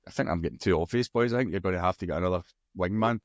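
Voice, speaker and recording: A man's voice: deep voice, rapid-fire, dry recording, clean studio sound. A man in casual podcast banter, crude and jokey, swearing often. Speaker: podcast co-host. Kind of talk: casual chat.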